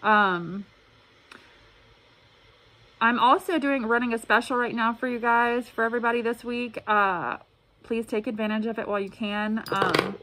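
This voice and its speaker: A woman speaking through a face mask, slightly muffled, giving a casual, halting and earnest tarot reading to camera. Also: fairly high pitch, bright, forceful tone. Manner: halting, earnest, repeats words. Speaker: tarot reader. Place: indoor room at a table. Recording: clearly noisy room recording.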